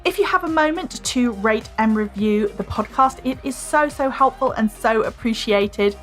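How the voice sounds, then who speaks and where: A woman's voice: on the high side, animated, normal speed, faint music behind. A woman hosting a podcast, thanking her guest and reading an upbeat, polished outro. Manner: upbeat, friendly, polished promotional delivery. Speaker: podcast host. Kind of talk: interview hosting and scripted outro.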